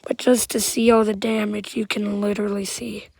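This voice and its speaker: A woman with a Southern-sounding accent walking outdoors through storm damage, giving halting, rambling commentary that often trails off quietly. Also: medium pitch, flat delivery, creaky, no room sound.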